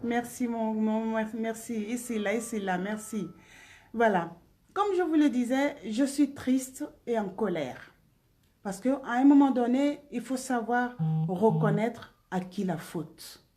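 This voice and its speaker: A woman's voice: on the high side, slow pace, mellow. A woman singer hosting a casual live stream, greeting viewers by name and blowing them kisses between remarks.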